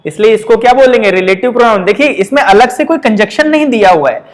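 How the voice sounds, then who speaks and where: A man with a fairly high voice and a Hindi accent gives an exam-prep grammar lesson in an indoor teaching room. He explains patiently, checks often that students follow, and slows right down for example sentences. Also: expressive.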